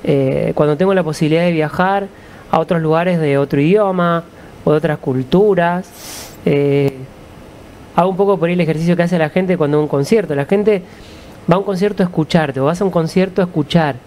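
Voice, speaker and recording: A man with an Argentine accent, a musician guest, answering in a calm, reflective storytelling way. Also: on the high side, a little fast, a little hiss or hum. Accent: Argentine Spanish.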